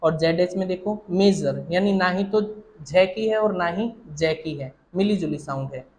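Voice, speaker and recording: Man, shorthand teacher, slow deliberate delivery, patient, repeats and quizzes. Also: high-pitched, slight background noise, low-quality recording. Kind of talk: step-by-step classroom explanation.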